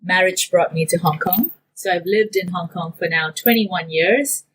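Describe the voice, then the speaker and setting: A woman's voice: lowish voice, normal speed, slight background noise, low-quality recording. Businesswoman from Singapore explaining steadily. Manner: detailed, steady explaining with fillers. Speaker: business owner guest. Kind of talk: interview answers.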